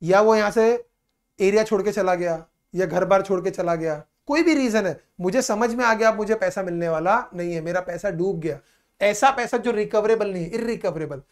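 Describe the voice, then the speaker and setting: A male tutor takes students through an accounting lesson. He repeats key ideas and addresses the class fondly as "beta." When a textbook definition comes up, he slows down and reads it word by word. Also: high-pitched. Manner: patient, repetitive explaining, calls students "beta"; reads English definitions slowly and deliberately. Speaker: commerce teacher. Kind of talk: classroom lecture in mixed Hindi and English.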